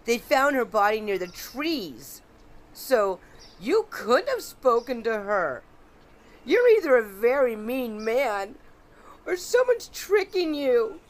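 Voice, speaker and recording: A woman's voice: on the high side, big pitch swings, takes it slowly. An actress playing a polite, grieving middle-aged neighbor and mother. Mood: distraught.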